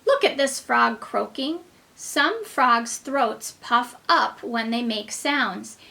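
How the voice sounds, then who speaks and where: Bright, slow woman reading to little children. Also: on the high side, lively intonation, vocal fry. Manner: simple, child-directed phrasing, as if reading to a toddler. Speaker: kindergarten teacher. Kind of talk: reading a children's book aloud to young children, with asides and questions.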